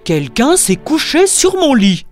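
A woman voicing a big, gruff father bear in a storybook, loud and outraged. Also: high-pitched, very animated, slow pace, soft background music, pitched above the performer's own voice, heavily acted.

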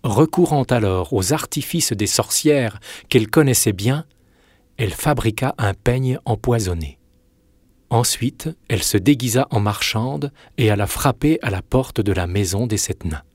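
A man narrating a fairy tale in a measured, expressive reading. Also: medium pitch, no room sound. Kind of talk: storybook narration.

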